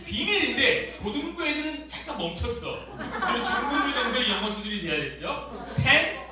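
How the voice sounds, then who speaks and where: Animated high-voiced man preaching in an echoey hall. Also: normal speed, far from the mic, a crowd in the background. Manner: animated, quizzes the audience. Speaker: youth pastor. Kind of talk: lively sermon for middle schoolers. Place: church hall.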